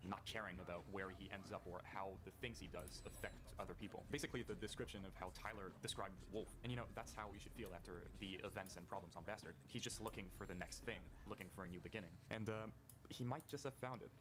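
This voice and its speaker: Quick-talking man narrating an album review. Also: fairly low pitch, background noise. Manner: casual, brisk, with frequent filler pauses. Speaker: video essay narrator.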